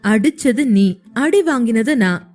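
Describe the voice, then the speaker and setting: A woman's voice: a little high, lively intonation, measured pace, a little mellow. A woman voicing a young husband in an audio story, who teases and pleads with his wife and turns stern when pushed. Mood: teasing.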